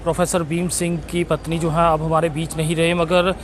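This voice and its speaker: A man's voice: a little high, level tone, a little fast, slight background noise. A male reporter doing a formal field interview, often affirming the other speaker.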